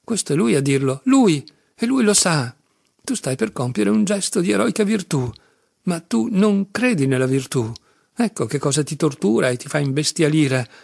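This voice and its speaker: A man's voice: a little high, expressive, normal speed, vocal fry, a little mellow, no echo, clean studio sound. A man reading an audiobook, voicing a tormented young man who speaks insistently and with agitation. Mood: agitated.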